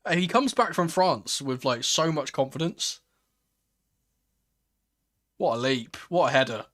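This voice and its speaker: A man hosting a live football watchalong, calling the play in a casual, excitable fan's manner. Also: fairly high pitch, measured pace. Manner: excitable, swearing, shifting from murmured play-by-play to raised exclamations. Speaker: host of a football watchalong stream. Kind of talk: live football commentary with casual fan reactions.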